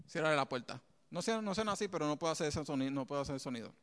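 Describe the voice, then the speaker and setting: A man preaches with a high, smooth and resonant voice. His delivery is animated, full of quick asides and laughter. The sound has the long reverb of a large hall. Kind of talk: sermon.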